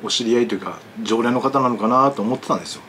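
A man's voice: mid-range voice, very fast, pushed and bright, slight background noise. A man vlogging about food, chatting casually while eating and telling a rambling story with many asides.

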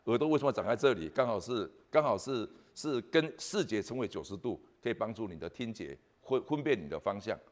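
A soft-spoken man with a Taiwanese Mandarin accent preaching a Christmas sermon at a church service, halting and repeating words with frequent "ah" fillers. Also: lowish voice, animated.

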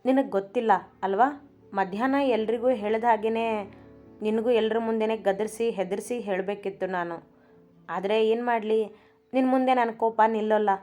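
A woman's voice: medium pitch, fairly even intonation, unhurried, pauses often, a little mellow, dull audio, faint music behind, natural voice. A woman voicing a playful young husband who fakes being stern, speaking in a teasing, mock-stern way in a storybook reading.

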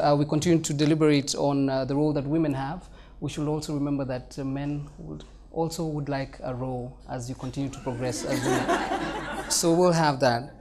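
A man's voice: on the high side, dark tone. A young man moderating a live panel discussion on an indoor conference stage, chatty and joking, with many fillers. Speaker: moderator and presenter.

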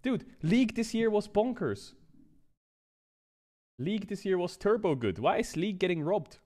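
A man's voice: high-pitched, lively intonation, moderate pace, darkish tone. A young man reacting on a live stream with casual slang and swearing, exclaiming in outraged disbelief. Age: young adult. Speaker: streamer reacting to an awards show. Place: small home room, indoors.

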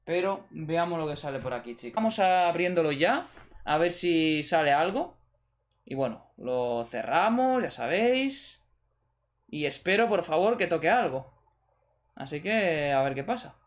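A man's voice: on the high side, sing-song, a little slow. A young man with a Spanish accent from Spain, giving casual, slangy commentary while opening game packs, swearing freely and talking straight to his viewers. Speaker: gaming video host.

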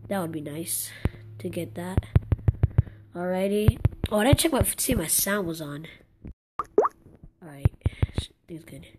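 A woman's voice: lowish voice, lively intonation, measured pace, long pauses, background noise. Frustrated young woman gaming commentary. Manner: frustrated, exclaiming, rambling with many restarts. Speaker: gaming channel host. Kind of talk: casual gameplay commentary.

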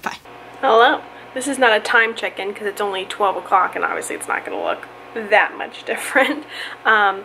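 A woman's voice: mid-range voice, sharp tone, slight background noise. A woman talking casually through a makeup review vlog, chatty with lots of likes and ums, a bit of morning voice. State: morning voice, coughing. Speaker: beauty vlogger. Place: at home, later by a window.

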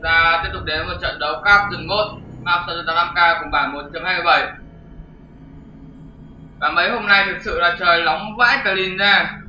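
A man commentates a game replay in a loose, chatty way, tossing in crude jokes. His voice sits high and sounds very sharp and bright. The recording is roomy and a bit dull, with faint music underneath. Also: normal speed. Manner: chatty, jokey, crude slang. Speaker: game commentator, channel host.

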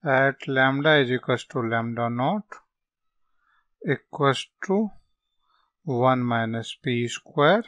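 A man with a North Indian accent gives a step-by-step lesson. His delivery is slow and halting, broken into short dictated phrases at a middling pitch. The sound is dry, with very little room around the voice. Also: a bit bright, dry recording, highs cut off. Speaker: physics tutor. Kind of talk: step-by-step lesson, reading out worked solutions.

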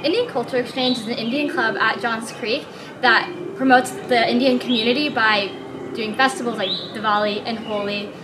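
Cheery teen girl, slightly high, outdoor noise around her. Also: steady tone, moderate pace. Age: teens. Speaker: student club president. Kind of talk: interview to camera. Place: school courtyard, outdoors.

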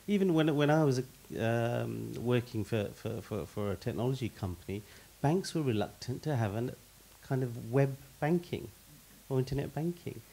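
Onstage before an audience in a meeting hall, a middle-aged male panelist gives an expansive answer into a handheld microphone. His pitch is fairly low, with a creaky, dark quality, and he tends to repeat words when beginning a thought while piling on examples.

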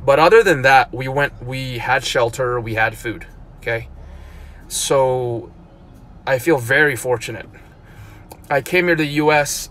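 A man in his thirties who grew up in South Korea talks through a casual live-stream monologue from the seat of a parked car. His pitch sits in the middle of the male range, and he rambles, often stopping to restart a sentence or repeat a word. The phone is held at arm's length, with a faint hum of ambience behind him. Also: a bit bright. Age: 30s. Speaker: blogger.

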